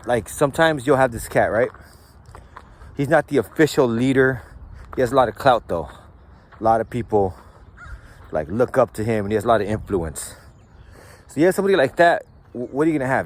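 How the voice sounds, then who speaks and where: A mid-range voiced man hosts a show, telling stories casually in slangy, profane language packed with "like" and "right?".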